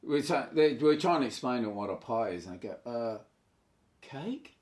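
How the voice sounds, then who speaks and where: Older Australian man, podcast guest, easygoing anecdotes with a chuckle, middling pitch. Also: lively intonation, quick pace, darkish tone. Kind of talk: casual storytelling interview.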